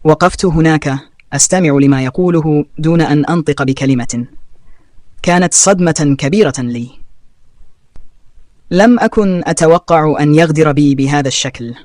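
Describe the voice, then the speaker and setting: A man tells a scripted family story in a steady, measured voice. His pitch sits fairly high. The recording is close and dry, with no room sound. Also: dry recording. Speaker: narrator.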